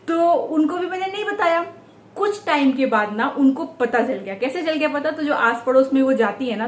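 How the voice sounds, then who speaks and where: A young woman with a high voice chatting casually for a home vlog. She talks quickly and fluently, in an echoey room with faint background noise. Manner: chatty and quick, mimics others' speech. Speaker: vlogger. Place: indoor home.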